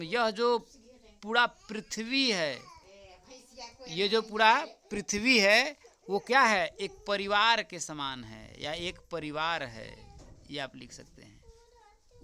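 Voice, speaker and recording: A man teaching as an exam tutor, going through a paper answer by answer, repeating the key answers slowly and often checking with "right?". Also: sits high, pushed and bright, a little hiss or hum. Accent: Hindi. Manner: repeats answers slowly, keeps asking "ठीक?"; addresses viewers as friends.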